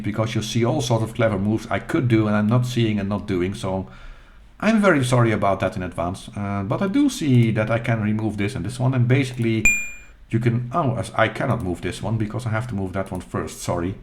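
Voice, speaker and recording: A middle-aged man hosting a retro gaming channel, talking over gameplay in a casual, halting and self-deprecating way with fillers and restarts. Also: lowish voice, a little mellow.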